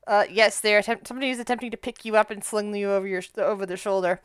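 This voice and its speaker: A woman's voice: medium pitch, little pitch movement, rapid-fire, smooth, dry recording, clean studio sound. A woman narrating a casual tabletop game as game master.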